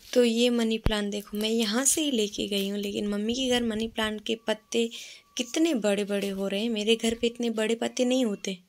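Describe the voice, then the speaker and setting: A young woman, talking slowly and softly in a casual vlog, tired and sleepy. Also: fairly high pitch, steady tone. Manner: soft-spoken, slow and subdued. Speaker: vlogger.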